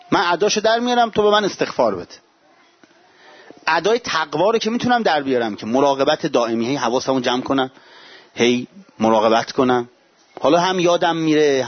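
A man gives a religious sermon in a lively, conversational way with playful asides. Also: on the high side. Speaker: preacher. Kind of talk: religious sermon to a live audience. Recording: dull lo-fi recording.

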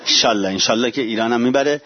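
A man gives a religious sermon in a lively, conversational way with playful asides. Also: medium pitch, husky. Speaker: preacher. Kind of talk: religious sermon to a live audience. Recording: dull lo-fi recording.

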